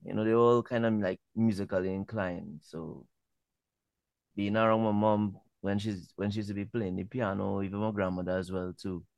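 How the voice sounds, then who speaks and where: A man with a low, gravelly voice answers interview questions about music in an easygoing, loose way. He often circles back and repeats his words while he works out what to say. The sound is dry and close. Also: fairly even intonation, normal speed, darkish tone, dry recording. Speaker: music artist guest. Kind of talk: casual interview talk.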